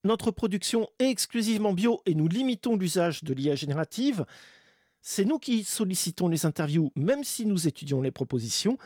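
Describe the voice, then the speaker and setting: A man with a fairly high voice presents a radio chronicle in a wry way. The sound is close and dry, as in a studio. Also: big pitch swings, moderate pace, a little mellow, no echo. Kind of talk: semi-scripted radio chronicle.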